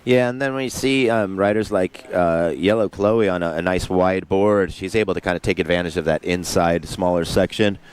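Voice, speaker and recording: Man, co-commentator, lowish voice, easygoing casual surf calls. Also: normal speed, few pauses. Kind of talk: live sports commentary.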